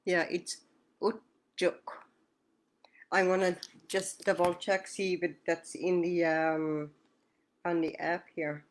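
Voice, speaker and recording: A language teacher leads an online lesson, speaking slowly in a slightly low, level voice. She repeats words with care and answers questions patiently, as if on a video call.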